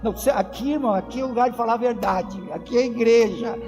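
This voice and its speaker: A Brazilian man with a very high voice delivers an emphatic church sermon. He calls out to the congregation again and again. The sound rings with hall reverb, and faint music plays behind him. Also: fast. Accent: Brazilian Portuguese. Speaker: pastor. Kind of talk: lively Pentecostal sermon. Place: church sanctuary.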